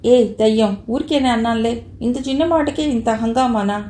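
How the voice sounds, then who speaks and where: Casual: lady doing a playful young guy, coaxing, bit high and mellow, roomy. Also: normal speed, natural voice. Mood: teasing. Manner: teasing and coaxing. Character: young man of twenty-five, playful lover. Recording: echoey room.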